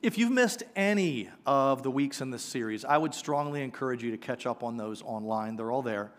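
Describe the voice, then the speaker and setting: A man in his forties, a pastor giving a conversational, animated sermon on a church stage with a headset mic. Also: medium pitch, normal speed. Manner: conversational, animated preaching with gestures. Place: church sanctuary stage, indoors.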